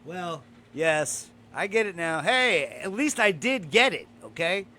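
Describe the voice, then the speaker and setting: A man's voice: high voice, lively intonation, unhurried, sharp tone. A man hosting a casual podcast, talking in a blunt, profane, opinionated way. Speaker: podcast host.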